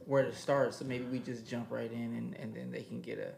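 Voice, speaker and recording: A man in his thirties, a rapper and poet, talking through his music background in a relaxed, reflective way with frequent fillers and restarts. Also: mid-range voice, a little fast, gravelly, a little hiss or hum. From United States. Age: 30s. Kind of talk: casual interview chat.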